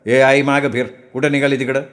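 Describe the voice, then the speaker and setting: A man's voice: mid-range voice, level tone, a little fast, natural voice. A man voicing a brash young village man who brushes off his mother in rustic speech. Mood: dismissive. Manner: dismissive, offhand, rustic speech.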